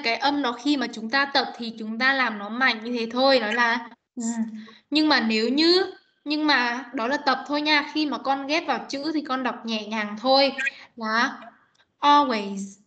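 A woman's voice: sits high, steady tone, normal speed, pushed and bright. A woman teaching an online class, patiently coaching young students on pronunciation and modelling each sound again and again over a video call. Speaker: English teacher. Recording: dull muffled video call audio.

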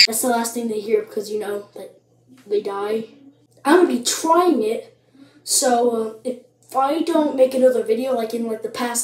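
Young woman vlogger, high-ish voice, chatty and filler-heavy, recorded in an echoey bathroom. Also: a little mellow. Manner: chatty, filler-heavy, mock-scared asides. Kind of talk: casual vlog chat. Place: bathroom at home. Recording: echoey room.

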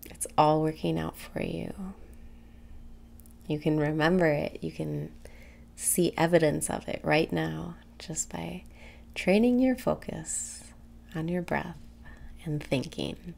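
A young woman guides a meditation in a low-pitched voice with heavy creak. She speaks very slowly and softly, breathing her phrases out soothingly and pausing between them. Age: young adult. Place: small room indoors.

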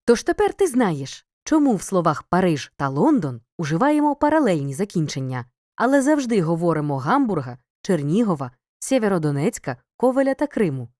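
A woman reading a scripted grammar lesson as a teacher, clear and measured, pausing between listed words. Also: lowish voice, very animated, a little mellow, dry recording, studio quality. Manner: clear, measured, reads word lists with pauses. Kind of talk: scripted educational narration.

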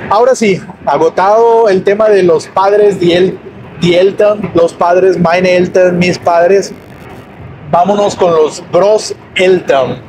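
A man's voice: sits high, steady tone, slow pace. A Mexican man giving a patient, repetitive language lesson while driving, with road noise around him. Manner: patient, repeats each word in both languages. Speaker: language teacher. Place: inside a car on a highway. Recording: car interior with road noise. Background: road and engine noise.

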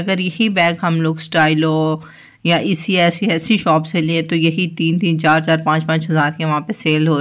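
A young woman, chatting through her shopping trip and listing prices in a friendly, easy way. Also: low voice. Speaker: shopping vlogger. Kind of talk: casual voice-over narration of a shopping trip.

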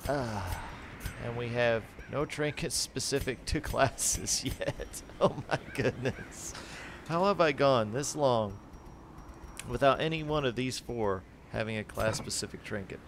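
A man giving casual gameplay commentary, reading item text aloud and thinking out loud as he sorts his party. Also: medium pitch, a little slow, noisy background. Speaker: gaming channel host.

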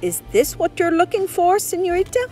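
Woman as a brisk, high-pitched shop manager. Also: sing-song, a little mellow, soft background music. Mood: helpful. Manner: calling out, obliging. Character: laundromat manager, brisk, courteous, helpful.

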